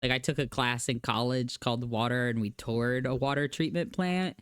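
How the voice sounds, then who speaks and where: A woman from the US co-hosting a podcast in casual chat, animated and swearing freely. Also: extremely low pitch, normal speed, crowd noise. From United States. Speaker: podcast co-host.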